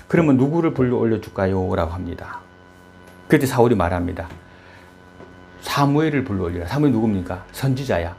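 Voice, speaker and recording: A man preaching a sermon in an animated way, jumping from loud high bursts to low murmurs and quizzing the congregation. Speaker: pastor.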